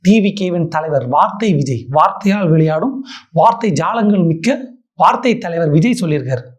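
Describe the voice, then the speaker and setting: A woman's voice: lowish voice, expressive, fairly quick, a little mellow, highs cut off. A woman giving a sarcastic political roast commentary, mocking her targets with a stream of rhetorical questions.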